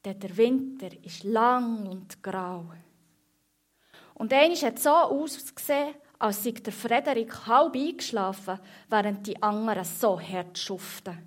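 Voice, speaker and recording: Slow woman telling a children's story. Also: fairly high pitch, expressive.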